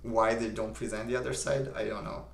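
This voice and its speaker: A young man from Romania with a Romanian accent, calmly reading viewer comments aloud and answering them on a live stream. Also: lowish voice, fairly quick, vocal fry, echoey room. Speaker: livestream host. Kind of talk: casual live-stream chat.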